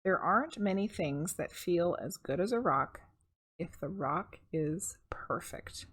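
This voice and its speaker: A middle-aged woman reads a children's picture book aloud, expressive and conversational, dropping casual asides to her viewers. Her slightly husky voice is on the low side and a little slow.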